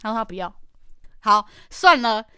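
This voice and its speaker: A woman's voice: fairly high pitch, animated, moderate pace, sharp tone, clean tone, no echo, studio quality. A young woman, co-hosting a podcast and telling travel stories with exasperated, laughing animation. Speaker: podcast co-host. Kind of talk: casual chat.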